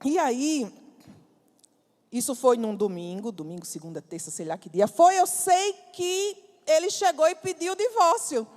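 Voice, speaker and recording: Woman preacher, testimony sermon, animated storyteller, big hall reverb. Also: sits high, unhurried. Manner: lively storytelling, acts out dialogue, bursts of emphasis.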